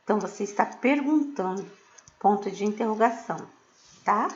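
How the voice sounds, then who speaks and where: A middle-aged woman teaches a class, patient and explanatory, checking in with her pupils again and again. Her voice sits at a middle pitch. The recording is a little dull and lo-fi. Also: moderate pace, a little hiss or hum. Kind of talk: recorded remote class lesson.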